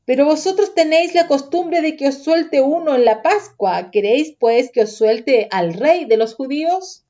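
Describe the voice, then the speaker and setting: A woman reading the part of Pilate, a grown-man governor, in a measured, questioning voice. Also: sits high, lively intonation, dark tone, dull audio.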